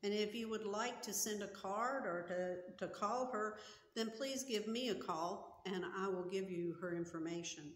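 In a small church sanctuary full of long, hall-like echo, a pastor in her sixties preaches and prays in a slow, earnest, measured manner, using gestures as she goes. Her voice is mid-range, recorded by a camera placed directly in front of her at chest height.

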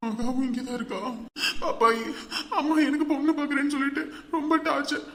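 A woman's voice: sits high, fast, a bit bright. A woman playing a sulking young man in a comedy skit, whiny and complaining about his family. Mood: sulky. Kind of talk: village comedy skit acting.

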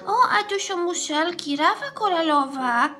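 A caring, cheerful older girl in a doll-game story, as a woman acts it out. The voice is very high and bright, speaking slowly and gently over background music. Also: expressive, full character voice. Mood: chatty.

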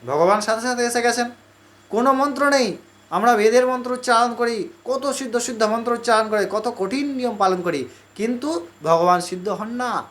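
Man, high-pitched, devotional storytelling sermon, conversational, repeats phrases. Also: normal speed, fairly bright tone. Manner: conversational, repetitive, acts out the characters. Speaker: religious storyteller.

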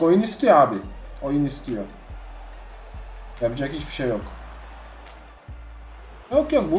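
Exasperated young man commentating his game. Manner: exasperated, swings from loud outbursts to low grumbling. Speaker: gaming streamer. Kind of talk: live gameplay commentary. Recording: echoey room with game music behind.

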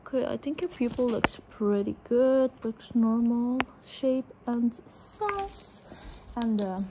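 A young woman doing a fast ASMR role-play as an examining doctor, murmuring short, repeated phrases in a hurried way. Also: a little high, lively intonation. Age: young adult. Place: indoors, small room at home. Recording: clearly noisy close recording with clicks.

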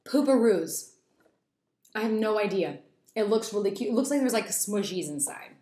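A woman's voice: medium pitch, animated, moderate pace, warm tone. A young woman chatting through a toy unboxing, giddy and rambling with lots of little asides. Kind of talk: casual unboxing chat. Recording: echoey room.

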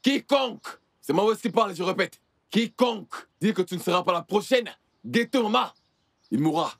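An actor dubbing a hot-headed young gangster son in a film, pleading and vehement. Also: male voice, high-pitched, lively intonation, moderate pace, gravelly, fairly bright tone, no echo, studio quality, full character voice. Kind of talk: dubbed film dialogue.

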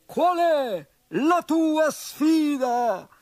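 A man voicing an indignant male rhinoceros in a storybook, speaking in a squeaky, drawn-out way. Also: sing-song, a little mellow, dry recording, clean studio sound, exaggerated voice.

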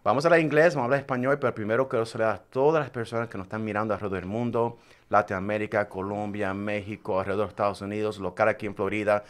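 A man's voice: lowish voice, little pitch movement, rapid-fire. A man from Puerto Rico hosting a radio show, chatting energetically and switching between Spanish and English. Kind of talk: bilingual casual interview.

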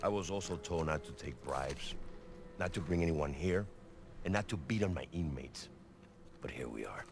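An actor playing a corrupt, menacing prison warden with a gravelly voice in a video game. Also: male voice, a bass voice, lively intonation, moderate pace, background noise, heavily acted. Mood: scheming.

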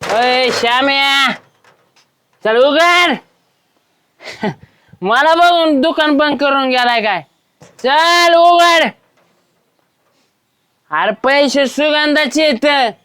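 A man playing a tipsy, quarrelsome village man who dodges a debt, with a loud, bickering manner. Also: very high voice, takes it slowly, pauses often, full character voice. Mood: shouting. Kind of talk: village comedy web series.

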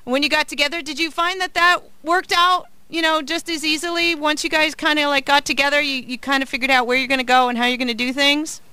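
Bright high-voiced woman radio host. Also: fairly even intonation, fast talker, few pauses, dry recording. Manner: chatty, upbeat, many fillers. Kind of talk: casual radio interview. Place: radio studio.

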